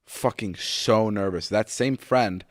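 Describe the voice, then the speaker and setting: Slow and low-pitched, a man in his twenties co-hosts a podcast, wandering through stories with constant "like" and frequent swearing. The studio-quality recording has no echo.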